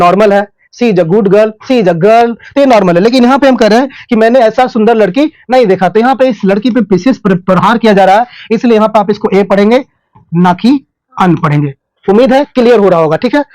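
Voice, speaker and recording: A very high-pitched man with a Hindi accent and a darkish tone explains English grammar like a teacher at normal speed, repeatedly posing rhetorical questions and answering them while drawing out his example sentences. This classroom-style grammar lesson sounds close and dry, without room echo.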